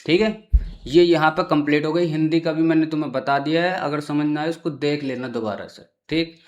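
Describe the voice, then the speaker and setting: A man's voice: on the high side, steady tone, a little fast. A man hosting a casual screen-recorded tutorial, chatty and often checking in with the viewer. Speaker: tutorial host.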